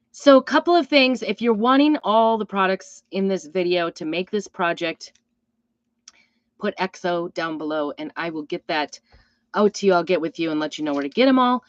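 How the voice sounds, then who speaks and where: A middle-aged woman with a hoarse, weakened voice from a hacking cough, rambling apologetically as she hosts a casual live craft demo. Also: medium pitch, fairly bright tone, no room sound, lo-fi sound. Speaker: craft host and crafting product seller.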